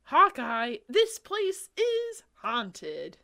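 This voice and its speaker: A woman's voice: mid-range voice, sing-song, takes it slowly, fairly bright tone. A woman voicing a scared young girl exploring a haunted house, reading a storybook aloud. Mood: frightened.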